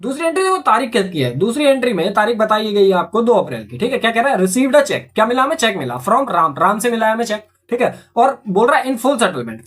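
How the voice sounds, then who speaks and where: Walking through journal entries one step at a time, a man teaching accountancy keeps asking his own questions and answering them, repeating himself and frequently saying "theek hai." His voice is high and a bit bright.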